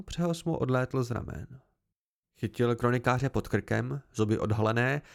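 A man reading an audiobook aloud as an amateur narrator, telling the story plainly in a gravelly voice. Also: mid-range voice. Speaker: audiobook reader.

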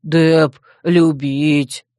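Hulking brute with a loud, broken, growling bark, played by a reader; dry close sound. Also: mid-range voice, level tone, drawn-out words, no room sound. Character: huge hulking brute, childlike and fierce. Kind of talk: audiobook character voice.

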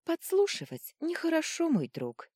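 A woman's voice: mid-range voice, big pitch swings, normal speed, darkish tone, husky, no echo, studio quality, voice pushed up. A woman voicing a young princess who is firm and teasing, in an audiobook reading. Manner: commanding, wry.

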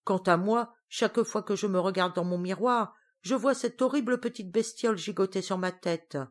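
A woman's voice: mid-range voice, animated, a little slow, voice pushed up, lightly acted. A woman voicing a vain, grumpy witch who complains indignantly. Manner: indignant, whiny.

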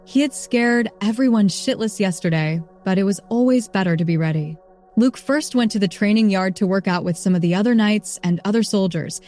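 A woman narrating an audiobook in an even, measured reading. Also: medium pitch, soft background music.

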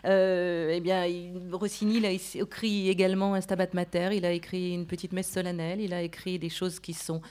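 A female radio presenter with a slightly low voice, hosting live from an auditorium. She puts questions to her guest and introduces what comes next in a presenter's spoken style. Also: flat delivery, normal speed, few pauses, a little mellow. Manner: supplies and corrects the guest's words. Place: opera house auditorium.

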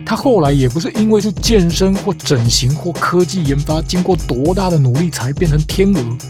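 A woman with a deep voice and lively intonation talks at normal speed while hosting a comic storytelling show. She lectures in a scripted, argumentative manner and wraps up her points with rhetorical questions, with background music.

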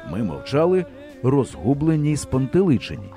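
A man narrating an audiobook in an expressive, humorous storytelling manner. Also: medium pitch, normal speed, faint music behind. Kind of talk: scripted narration.

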